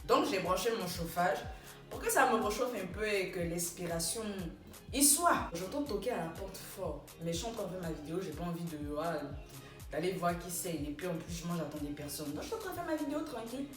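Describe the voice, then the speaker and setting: Animated young woman telling a story. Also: fairly low pitch, fairly quick, distant mic, faint music behind. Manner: rising sharply when retelling quarrels. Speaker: vlogger. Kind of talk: casual storytime. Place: small room indoors. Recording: roomy, from off-mic.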